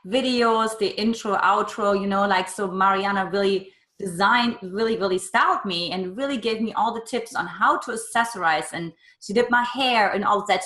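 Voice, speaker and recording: A woman's voice: a little high, sharp tone, echoey room. A woman hosting a casual interview, upbeat and enthusiastic. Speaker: podcast host.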